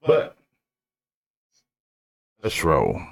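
Super deep voiced guy, gravelly, just rambling casually off the cuff. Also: wildly swooping pitch, drawn-out words.

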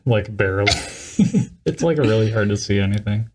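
A man's voice: lowish voice, moderate pace, a little mellow, slightly rough. A man hosting a podcast, joking in a laid-back casual chat with lots of fillers. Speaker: podcast host.

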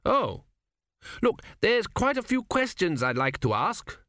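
A fretful, querulous king who has just died, pitched up high and full of restless lilt, as a man puts him on. He grumbles and frets in a dry, close-sounding read. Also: big pitch swings, slow pace, fairly bright tone, no room sound, full character voice. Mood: agitated, snappy. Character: fretful newly dead male king, indignant.

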